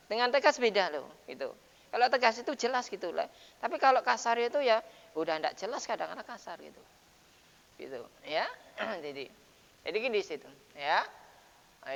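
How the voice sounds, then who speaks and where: Male recitation teacher, patient explaining, loud drawn-out chanting, dull lo-fi recording, mosque reverb. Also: on the high side, creaky. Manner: explains patiently, then sings out recited words slowly and loudly. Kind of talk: dawn mosque lesson on Quran recitation rules. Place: mosque, after dawn prayer.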